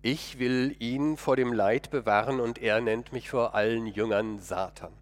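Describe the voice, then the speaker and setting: A man's voice: medium pitch, fairly even intonation, a little slow. A man delivering a first-person dramatic monologue sermon in an earnest, emotional, pleading way.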